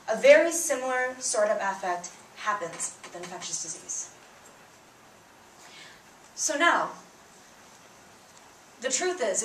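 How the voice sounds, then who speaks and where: A young woman student whose native language is Bengali gives a prepared public talk, earnest and emphatic, lifting her voice at the start of each point. Her voice is on the high side and fairly bright. The sound is roomy from a distant mic, with slight background noise.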